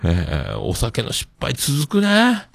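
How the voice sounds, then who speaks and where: A man in his forties hosting a casual solo podcast, rambling and self-deprecating, with many drawn-out fillers. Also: medium pitch, wildly swooping pitch, gravelly, slightly rough, no echo, studio quality. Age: 40s. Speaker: podcast host.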